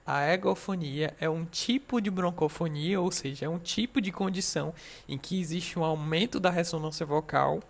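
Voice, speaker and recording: A man's voice: fairly high pitch, normal speed, vocal fry. A young Brazilian man giving a recorded medical lecture, explaining patiently and often checking that students are following. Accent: Brazilian Portuguese. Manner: explanatory, reassuring, frequent check-ins with students.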